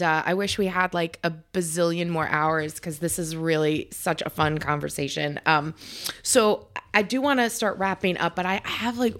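A woman's voice: lowish voice, a bit bright. A woman hosting a podcast from her home kitchen, telling stories in a chatty way full of fillers and restarts. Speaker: podcast host. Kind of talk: casual chat.

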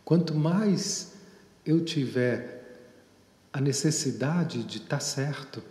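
A man, a psychotherapist, giving an unhurried reflective talk with long pauses and storytelling asides. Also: medium pitch, lively intonation, mellow. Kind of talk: reflective talk on therapy and leadership. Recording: echoey hall with long reverb.

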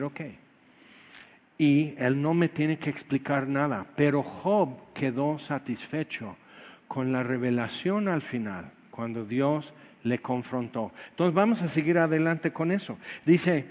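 A man preaching a Sunday sermon in an animated way, swinging between loud exclamations and quiet low asides. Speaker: pastor. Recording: dull sound with long hall reverb.

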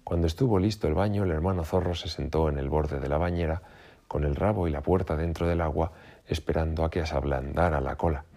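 Un hombre que lee un cuento infantil con narración tranquila y pausada. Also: male voice, extremely low pitch. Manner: calm, even narration. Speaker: storyteller. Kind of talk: children's story reading.

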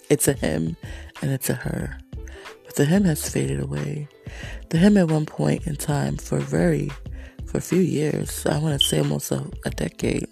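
Woman, casual spiritual vlogger, heavy vocal fry, meandering delivery, faint music bed. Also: sits low, mellow. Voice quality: creaky, gravelly. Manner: rambling, reflective, trailing off with fillers. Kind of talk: casual spiritual vlog monologue.

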